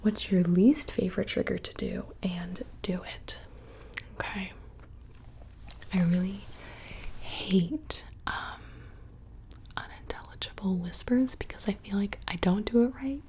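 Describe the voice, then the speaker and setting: A woman's voice: mid-range voice, measured pace, long pauses, mellow, slight background noise. A young woman whispering casually and close to the microphone, rambling through questions in an ASMR video. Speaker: ASMR creator. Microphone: close studio microphone.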